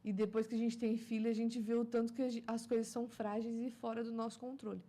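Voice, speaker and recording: A woman's voice: fairly high pitch, level tone, fast talker, warm tone. A woman in her thirties from Brazil chatting casually about motherhood, laughing often and musing on faith. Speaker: guest mother. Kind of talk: casual chat.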